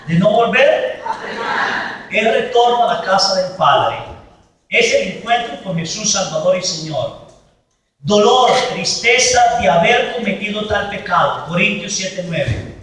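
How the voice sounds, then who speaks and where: A man preaching a sermon as a priest at a healing retreat, emphatic, slowing and swelling on key words. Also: high-pitched, slight background noise. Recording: echoey hall from far off.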